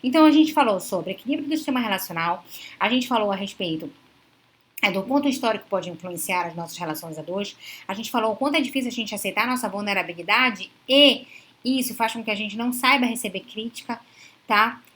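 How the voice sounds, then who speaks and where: A woman's voice: medium pitch, fast talker, fairly bright tone. A middle-aged Brazilian woman psychologist giving relationship advice on a live stream, teaching in a didactic way, often checking in with tag questions and acting out quoted lines from couples. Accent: Brazilian Portuguese. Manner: acts out quoted speech of couples.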